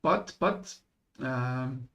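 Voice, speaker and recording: A man's voice: medium pitch, expressive, drawn-out words, vocal fry, fairly bright tone, highs cut off. A man playing a tabletop game over voice chat, hesitant and weighing his options aloud. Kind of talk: casual in-character debate over voice chat.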